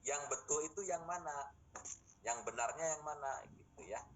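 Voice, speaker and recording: A man's voice: a little high, normal speed, lo-fi sound. A middle-aged man lecturing his students in a classroom, explaining points patiently and posing rhetorical questions.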